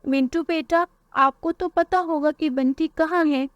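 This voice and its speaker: A woman voicing a caring mother bird in a cartoon who asks gentle, concerned questions. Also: sits high, fairly even intonation, unhurried, no room sound, highs cut off, voice pushed up.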